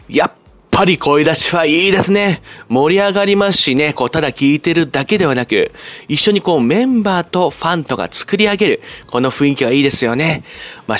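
A man's voice: medium pitch, a bit bright. A middle-aged man giving a casual, polite concert report vlog, chatty with many fillers and asides. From Japan, Oita. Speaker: vlogger reporting on idol concerts.

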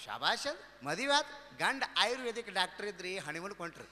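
A man's voice: high voice, very animated, moderate pace, in a large hall, very noisy. A man doing stand-up comedy storytelling on stage with a North Karnataka accent, telling folksy tales and slipping into character voices. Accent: North Karnataka Kannada. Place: comedy stage before an audience.

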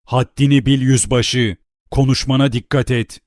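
A man narrating an audiobook voices a harsh, short-tempered lieutenant colonel who scolds in a deep, stern voice. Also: fairly even intonation, normal speed, a little mellow, dry recording, clean studio sound, natural voice. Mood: angry scolding. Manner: barking, scolding.

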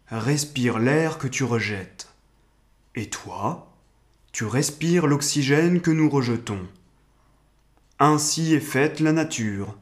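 Man doing a great oak tree, gruff voice, slow, stern, wise, storybook reading. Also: medium pitch. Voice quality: big gruff voice.

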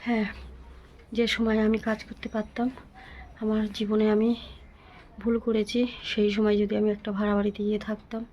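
A woman vlogging from home to her viewers, talking in a weary, pleading, soft way with a sore throat. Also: mid-range voice, completely flat delivery, brisk, pauses often, a little hiss or hum. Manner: weary, pleading, speaks softly. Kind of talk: casual vlog talk to viewers.

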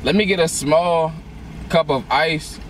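A man's voice: a little high, a little slow. A young adult man chatting casually and rambling in slang as a prankster customer at a drive-through, recorded inside a car. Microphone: handheld camera in the car. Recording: noisy car interior.

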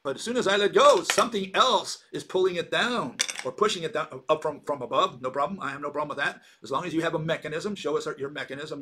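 Guy ranting on his own channel, kinda high voice, lots of uh and restarts, mocking tone. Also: fairly bright tone, husky. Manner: rambling and mocking, with many hesitations and restarts. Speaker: channel host. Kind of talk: sardonic monologue commentary.

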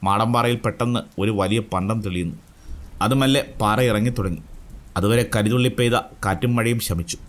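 Low-voiced male thriller narrator. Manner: steady, suspenseful storytelling. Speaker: storyteller. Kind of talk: scripted narration.

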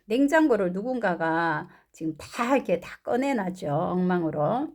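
A woman's voice: lowish voice, animated, moderate pace, darkish tone. A woman English teacher reading a picture book aloud and patiently explaining words and pronunciation.

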